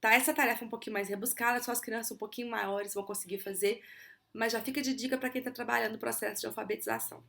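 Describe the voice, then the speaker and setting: A Brazilian Portuguese woman explaining auditory attention exercises for children in a clear, teacherly way, slowing down to model words. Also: fairly high pitch, steady tone, fairly bright tone. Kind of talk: explanatory video lesson.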